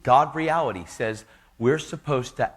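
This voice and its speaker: Husky man preaching a testimony. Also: mid-range voice, unhurried. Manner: casual, slangy and earnest. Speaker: speaker giving a testimony.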